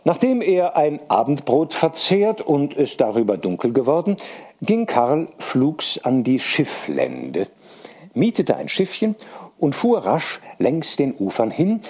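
A man with a husky, slightly breathy voice reads a classic story aloud. His delivery is measured yet expressive, and his pitch moves freely through each sentence. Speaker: reader. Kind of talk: literary reading.

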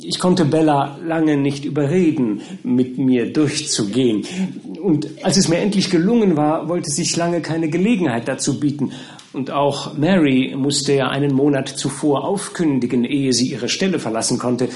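A man's voice: a little high, normal speed, a little mellow, natural voice. A man voicing an impulsive young husband, earnest and eager to explain himself.

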